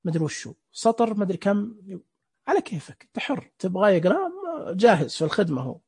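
Husky-voiced man teaching screen reader settings. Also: high voice, expressive, fast talker, a little mellow. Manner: explains step by step, asks the listeners questions. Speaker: instructor. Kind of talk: screen reader software tutorial.

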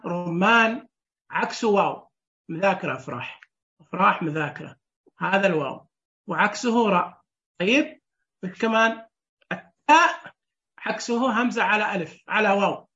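Woman teaching braille online, counts dots out loud, keeps checking in with the class, sound kinda muffled. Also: mid-range voice. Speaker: Braille instructor.

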